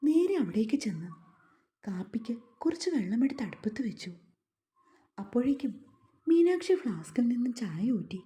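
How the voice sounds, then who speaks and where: A woman storyteller reading a romance novel aloud at a steady, calm pace. Her voice is slightly high for a woman, yet very mellow and dark in tone. The delivery is smooth and scripted. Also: normal speed, pauses often. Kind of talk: scripted audiobook narration.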